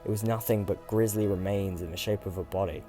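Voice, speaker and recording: A man telling a first-person horror story in a dramatic way, swinging from hushed mumbling to loud shouts. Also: on the low side, fairly even intonation, fairly quick. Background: faint music.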